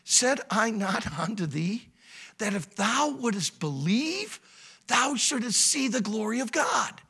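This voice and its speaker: A man voicing a calm, solemn divine teacher who speaks low, quiet and slow. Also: vocal fry, husky, exaggerated voice.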